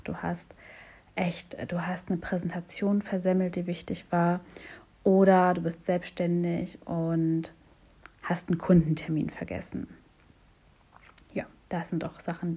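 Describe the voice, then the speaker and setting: Breathy woman coaching with warm encouragement. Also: lowish voice, highs cut off. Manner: warm, encouraging, speaks directly to the listener. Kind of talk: coaching talk to listeners.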